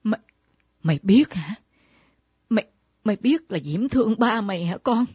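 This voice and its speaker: A woman's voice: mid-range voice, expressive, normal speed, husky, dry recording. An actress voicing the ghost of a betrayed mother who scolds and exclaims in a radio drama. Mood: indignant. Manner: exclaiming, scolding, at times whispered asides. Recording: dull lo-fi old radio recording.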